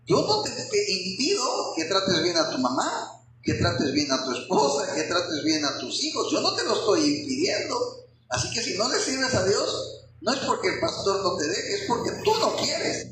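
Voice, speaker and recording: A man preaching an expository sermon to his congregation in a church hall, often pausing to ask them rhetorical questions. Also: sits high, wildly swooping pitch, background noise. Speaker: pastor. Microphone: handheld microphone.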